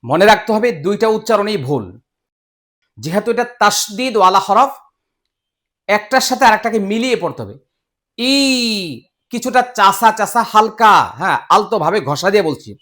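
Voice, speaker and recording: A man teaching Quran pronunciation step by step, patiently drilling each syllable again and again with drawn-out sounds. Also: high voice, fairly bright tone. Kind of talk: slow step-by-step pronunciation lesson.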